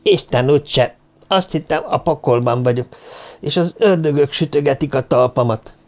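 A man's voice: a little high, expressive, darkish tone, clear, resonant tone, voice pushed up. A man voicing a relieved old village woman in a plainly read audiobook.

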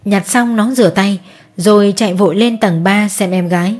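A woman reading a family story aloud as an audiobook narrator, in a steady, even delivery. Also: medium pitch, normal speed.

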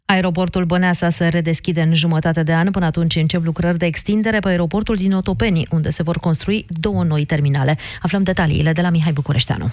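A radio news anchor delivering headlines at a steady, measured pace. The voice sits in the middle range and is recorded close and dry in the studio. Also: mid-range voice, no echo. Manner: crisp steady newsreading.

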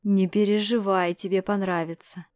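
Brief: woman doing a loud leering male villain, storybook audiobook, dry close read. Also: medium pitch, steady tone, moderate pace, smooth, dry recording, lightly acted. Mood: sneering. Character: brash menacing male stranger, mocking villain.

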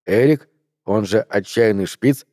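A man reading a novel aloud as an audiobook narrator, in a steady, measured storytelling delivery. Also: on the low side, no room sound, studio quality.

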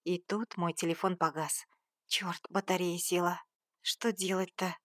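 A woman reading a novel aloud in the first person, in a sardonic, lively way. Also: on the low side, a little slow, no room sound, studio quality. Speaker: audiobook narrator.

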